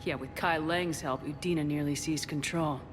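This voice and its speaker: An actress playing a frank, steady military commander in a video game, firm and matter-of-fact with a note of care. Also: female voice, sits low, moderate pace, close to an everyday voice. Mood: concerned, firm. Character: female military commander, steady, frank, concerned, loyal to comrades. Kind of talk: video game cutscene acting. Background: music.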